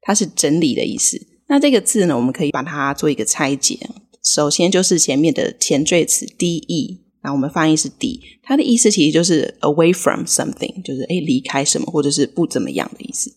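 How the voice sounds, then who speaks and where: A woman who co-hosts a podcast and speaks Taiwanese Mandarin, explaining English words slowly and clearly in a casual lesson. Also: low-pitched, expressive, a little mellow. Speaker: podcast co-host teaching English.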